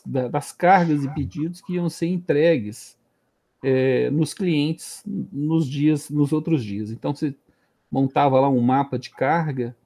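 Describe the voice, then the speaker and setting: Mellow Brazilian man in his late forties. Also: mid-range voice. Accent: Brazilian Portuguese. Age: late 40s. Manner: hesitant, repeats words while thinking. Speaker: interview guest, IT director. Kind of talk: casual career storytelling.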